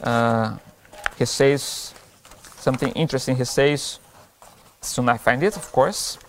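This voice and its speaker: A man's voice: medium pitch, a little hiss or hum. Earnest male pastor in a reverberant hall. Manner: earnest, halting with restarts and self-corrections. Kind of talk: sermon. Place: church.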